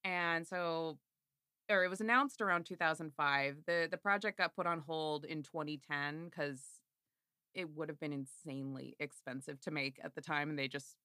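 A woman's voice: sits low, moderate pace, sharp tone, dry recording, studio quality. A hungover woman podcast host chatting casually, fumbling for words and prone to giggling. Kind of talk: casual fan podcast chat.

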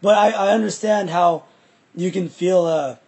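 Young male, raspy and gravelly, casual reflective chat with halting phrasing. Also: high voice, darkish tone. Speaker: musician.

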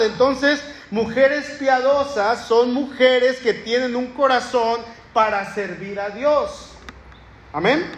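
A man, a pastor preaching a sermon to his congregation in a conversational way. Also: extremely high pitch. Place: church sanctuary. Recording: echoey church room.

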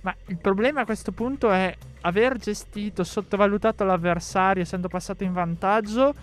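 A man's voice: high voice, fairly quick, soft background music. A man hosting a casual football discussion, talking conversationally and leading with questions to his co-panelists. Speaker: host of a football talk show.

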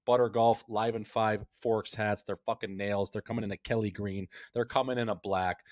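A man's voice: fairly low pitch, steady tone, normal speed, no echo, studio quality. A man hosting a casual sports podcast, talking like a hyped-up frat bro with slangy, profane banter. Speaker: podcast host.

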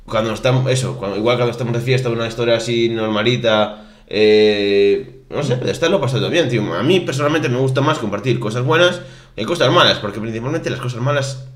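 A man's voice: medium pitch, fairly bright tone. A young man from Spain co-hosting a podcast, chatting casually and rambling with frequent restarts. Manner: rambling, restarts often, says "tío". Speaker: podcast co-host. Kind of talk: casual chat. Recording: roomy echo.

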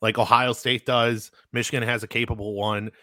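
A man co-hosting a casual college football podcast, relaxed and self-deprecating, steering the talk between topics. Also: medium pitch, moderate pace, no room sound. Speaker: podcast co-host. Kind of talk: casual sports chat.

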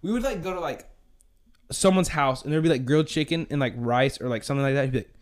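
Casting: young male podcast host, slightly high voice, loose rambling chat. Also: fast. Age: young adult. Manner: rambling, says "dude" a lot. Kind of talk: casual chat.

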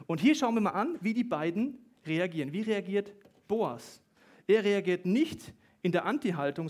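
A man in his thirties with a high-pitched voice delivers a funny sermon. He's lively, tossing in joking asides and bursts of rapid speech.

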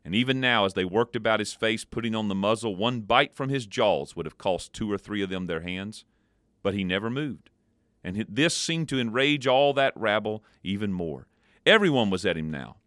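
A man reads a story aloud in a measured, expressive way, then turns to a brief devotional reflection. His voice is fairly low. The sound is dry and close, with no room echo. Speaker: devotional podcast host.

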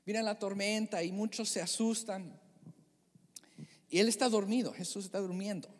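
A pastor preaching a sermon in a church, expressive and dramatic, asking the congregation questions. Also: mid-range voice, moderate pace. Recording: long church hall reverb.

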